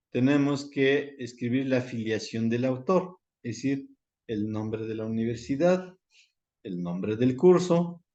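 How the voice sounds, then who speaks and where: A man's voice: medium pitch, a little mellow, dull audio. A man, lecturing a university class over a video call and repeating the key points. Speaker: university professor.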